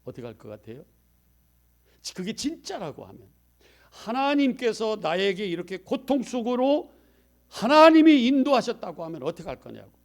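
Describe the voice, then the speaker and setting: A man pastor preaching a sermon, talking conversationally with the congregation and swinging from quiet asides to loud emphasis. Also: high voice, big pitch swings, normal speed, vocal fry.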